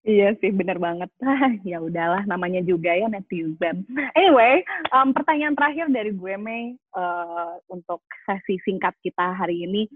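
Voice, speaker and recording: A woman's voice: on the high side, no echo. A woman hosting a casual podcast interview, often agreeing, with hesitant fillers and English phrases mixed in. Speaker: podcast host. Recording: dry tinny phone-like line.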